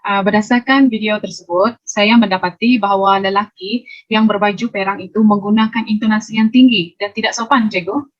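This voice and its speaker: A woman's voice: medium pitch, fairly even intonation, a little fast, dry recording. A woman answering formally as a student. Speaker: student in a role-played class. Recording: dull lo-fi sound.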